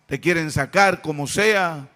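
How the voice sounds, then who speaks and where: A man preaching a sermon as pastor, swinging between fervent shouts and hushed, tender tones. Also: fairly high pitch, unhurried.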